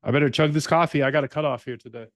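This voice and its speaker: This livestream host is coding a trading bot, and his chat with viewers is casual, profane and full of jokes. He speaks very fast in a slightly high, steady voice. The studio-clean recording has no room sound.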